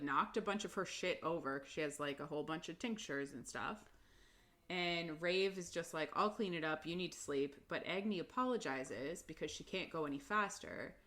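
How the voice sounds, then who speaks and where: Low-voiced woman recapping a book. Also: a bit bright. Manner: chatty, laughs often, lots of "like" and "um". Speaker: podcast co-host. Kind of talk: casual book-club chat, retelling chapters.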